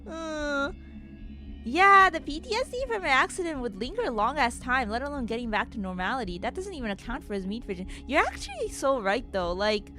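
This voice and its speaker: A woman streaming a visual novel playthrough, reading its narration aloud and reacting with animated, giggly, slangy commentary. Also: high voice, moderate pace.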